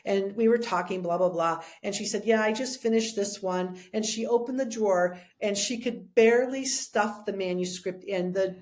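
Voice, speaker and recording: A woman's voice: medium pitch, moderate pace, few pauses, a little mellow. A middle-aged woman, a guest on an interview show, telling her story in a rambling, heartfelt way, full of restarts. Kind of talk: conversational storytelling.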